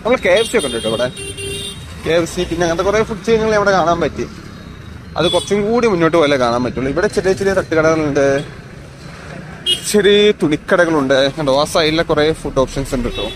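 A man's voice: fairly high pitch, animated, quick pace. A man walks a busy outdoor street, chatting casually to his viewers as he films on a phone with no external mic. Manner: chatty, addresses viewers as guys. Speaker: vlogger. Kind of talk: casual walking vlog. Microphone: phone camera, no external mic. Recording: phone recording with loud street noise. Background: street traffic and passers-by.

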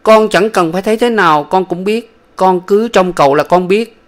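A man doing an eager, high young boy. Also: normal speed, natural voice. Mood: earnest. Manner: eager, pleading, childlike. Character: young boy, earnest and talkative.

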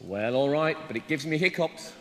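Male actor as hapless pantomime suitor, lovesick, earnest, high animated voice, noisy live recording. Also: normal speed, natural voice. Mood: bashful, ardent. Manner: hesitant, stammering, over-earnest. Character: bashful, hapless, lovesick pantomime young man. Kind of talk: theatrical pantomime acting. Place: large theatre stage with audience. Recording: noisy live theatre recording, hall reverb.

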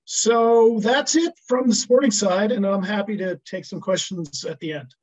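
Brief: man, somewhat high voice, coach giving a halting video-call presentation. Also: low-quality recording. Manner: hesitant, many restarts and fillers. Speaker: ski coach presenting program.

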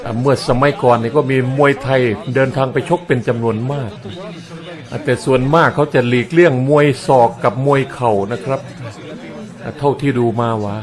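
A man with a Northeastern Thai Isan accent calls a fight play by play at an ordinary, mid-range pitch. He jokes and chuckles as he talks, chatty and loose. A clear crowd roar sits behind his voice. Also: fairly even intonation, moderate pace. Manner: joking, chatty, chuckles often. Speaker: fight commentator. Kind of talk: humorous play-by-play commentary. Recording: crowd noise from fight footage.

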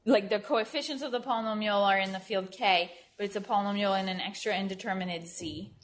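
A woman's voice: medium pitch, steady tone, fast talker, a little hiss or hum. A woman giving a university math lecture at a board in a lecture room, speaking informally, often checking in with "right?" and correcting herself as she writes. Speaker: mathematics lecturer.

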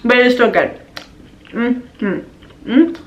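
High-voiced chatty young woman eating. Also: expressive, slow, dull audio. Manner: chatty and giggly, with many "like"s and laughs. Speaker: mukbang vlogger. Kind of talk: casual eating chat to viewers. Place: home room while eating.

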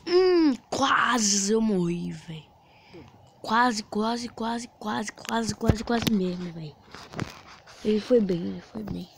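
Female gaming host, excitable play-by-play, bursts of shouting and whispering, raspy fry in the voice. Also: mid-range voice, slow, pauses often, a little hiss or hum. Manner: excitable, exclaiming, drops to whispers while playing. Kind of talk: casual mobile game commentary.

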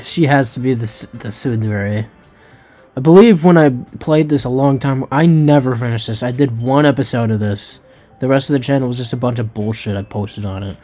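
A man's voice: medium pitch, moderate pace, mellow, faint music behind. A man hosting a let's play, reading a visual novel aloud with jokes, swearing and tripping over his words.

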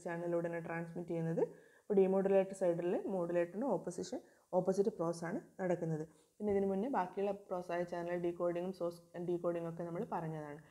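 Woman teacher, flat steady voice, keeps asking questions then answering them herself. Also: fairly low pitch. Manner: reads English definitions slowly. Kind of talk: video lecture.

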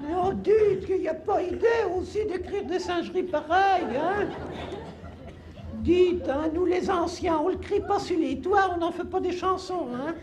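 In a live comedy sketch, a male actor plays a grumbling, cantankerous old countrywoman over seventy, rambling and scolding at an unhurried pace. His voice is shrill, quavering, and cackling, with audience laughter and crowd noise from the stage around it.

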